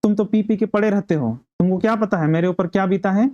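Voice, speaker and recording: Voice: mid-range voice, fast talker, dark tone, highs cut off. A narrator patiently paraphrasing a play scene by scene for students preparing for an exam.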